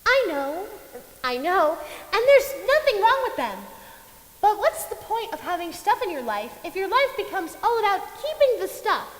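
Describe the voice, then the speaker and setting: A woman's voice: extremely high pitch, sing-song. An actress playing a bubbly, touchy female Angel of Death in a stage musical dress rehearsal. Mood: chatty lecturing. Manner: bubbly, quick to flare up. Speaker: stage actor. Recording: echoey stage from a distance.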